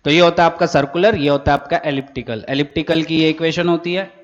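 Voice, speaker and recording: Physics teacher in an echoing room. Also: male voice, on the high side, fast talker. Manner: explains step by step, asks and answers his own questions, says "theek hai" often. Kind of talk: classroom lecture. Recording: dull lo-fi sound with long reverb.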